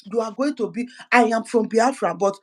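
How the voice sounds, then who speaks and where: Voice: medium pitch, normal speed, darkish tone, low-quality recording. Fervent speaker. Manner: fervent, repeats words and restarts phrases. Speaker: political activist. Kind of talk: impassioned political address.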